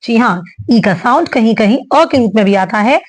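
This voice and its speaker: A woman teaching an English phonetics lesson, patiently explaining and repeating each sound slowly. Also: fairly high pitch, animated, husky.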